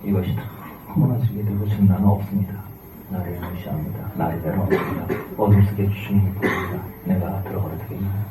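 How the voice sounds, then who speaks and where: A man's voice: low-pitched, steady tone, brisk. A man preaching a sermon, moving between plain teaching and fervent, rising prayer. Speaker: pastor. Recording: echoey, distant room with noise.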